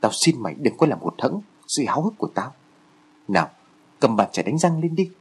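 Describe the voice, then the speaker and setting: A man voicing an excitable, nosy teenage boy who bickers urgently with his friend while reading a horror story aloud. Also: medium pitch, fairly quick, slightly rough. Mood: eager.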